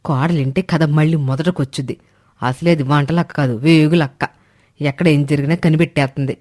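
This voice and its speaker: Brief: weary scolding mother-in-law, played by a woman, cautious and hushed, storybook. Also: low-pitched, fairly even intonation, fairly quick, natural voice. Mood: exasperated. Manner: tired nagging, hushed and cautious. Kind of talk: animated storybook voice acting.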